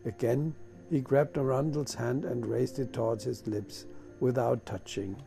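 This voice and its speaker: Slow gravelly man reading a storybook. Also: mid-range voice, steady tone, warm tone, soft background music. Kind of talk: storybook narration.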